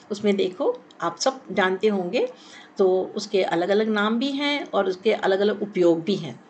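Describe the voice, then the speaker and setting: A woman's voice: mid-range voice, slight background noise. A woman teacher giving a recorded Hindi lesson, explaining step by step, repeating words and asking rhetorical questions. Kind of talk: classroom lesson on punctuation.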